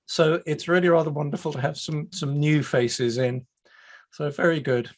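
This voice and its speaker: A UK man with a fairly high voice hosts an online meetup over a video call. He speaks at a moderate pace, keeping the casual chat chatty and self-deprecating.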